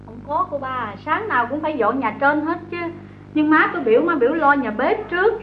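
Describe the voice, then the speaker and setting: An actress playing a humble, long-suffering young mother and servant who speaks meekly and pleads softly, in an old radio drama. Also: high voice, animated, brisk, a little hiss or hum. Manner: meek and pleading, tender with the child. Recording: tinny, phone-like old recording with music.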